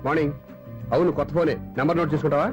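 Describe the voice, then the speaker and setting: A man's voice: a little high, steady tone, racing, faint music behind, close to an everyday voice. A man playing a weary, exasperated friend. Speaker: friend of the comic. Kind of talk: film comedy dialogue.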